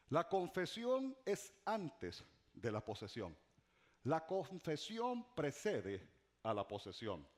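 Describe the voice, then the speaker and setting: Middle-aged male pastor, sermon delivery, lively intonation, dramatic repetition and hushed drops. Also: a little high. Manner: preaching with dramatic repetition and swings from loud to hushed; humorous asides to the congregation.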